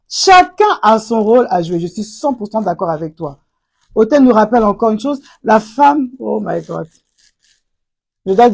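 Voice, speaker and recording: Woman hosting a live stream, husky and gravelly, preachy, breaks into loud exclamations. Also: a little high. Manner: preachy, rises to loud exclamations and repeats "aïe". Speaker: live stream host answering viewer comments. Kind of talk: impassioned casual talk on faith and couples.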